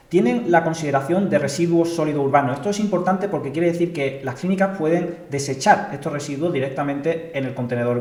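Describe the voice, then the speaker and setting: A man mentoring startups, narrating a case study in a measured, explanatory way. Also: on the high side, a little mellow. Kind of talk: scripted narration. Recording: echoey room.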